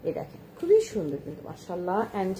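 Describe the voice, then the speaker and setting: Speaking quickly and very animatedly in a fairly low, dark voice, a woman demonstrates shawls during a live stream, with a little hiss or hum in the background. The chatty seller keeps repeating herself, presses viewers to look closely, and sprinkles English words throughout.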